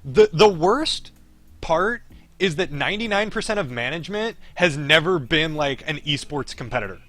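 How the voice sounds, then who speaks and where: On a game livestream, a man with a somewhat high, fairly bright voice and lively intonation talks at normal speed, bluntly and with plenty of swearing. He chats casually and at times reads a visual novel's dialogue aloud.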